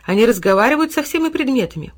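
A woman's voice: on the high side, big pitch swings, quick pace, pitched above the performer's own voice. Cast: a tired mother, weary and worried, plain storybook voice, from a woman narrator. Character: tired anxious mother of two.

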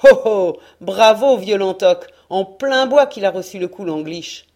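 A woman voicing a suspicious, boisterous old male sailor who shouts with loud, mocking excitement. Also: fairly low pitch, normal speed, natural voice. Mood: exultant.

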